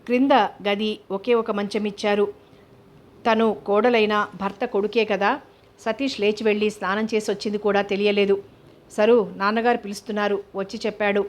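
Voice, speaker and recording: A woman reading a novel aloud, narrating and speaking the dialogue in a steady, even voice. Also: mid-range voice, moderate pace.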